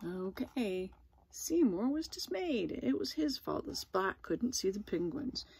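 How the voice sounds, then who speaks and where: A woman reads a picture book to young children slowly and patiently, her voice swinging widely up and down. There is a husky, slightly gravelly texture to her tone, and she drops in friendly asides to the kids watching. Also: mid-range voice. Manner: gentle, lively, with asides to viewers. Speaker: teacher reading aloud. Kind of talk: storybook read-aloud for children.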